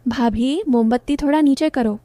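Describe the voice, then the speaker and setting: A lovesick young man with a soft, coaxing way of talking, as a woman reads him. The voice sits fairly high and mellow, with a close, dry sound. It stays gentle and near to everyday speech. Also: moderate pace, no echo, natural voice. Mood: teasing.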